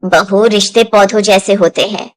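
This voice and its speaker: A woman's voice: medium pitch, steady tone, normal speed, pitched below the performer's own voice, close to an everyday voice. A woman voicing a stern older mother-in-law in a storybook drama. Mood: gentle. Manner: scolding, later gentle.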